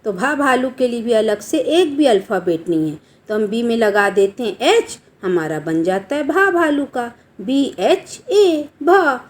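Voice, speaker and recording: A woman teacher giving a grammar lesson to children, spelling out letters slowly and quizzing her students. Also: a little high, animated.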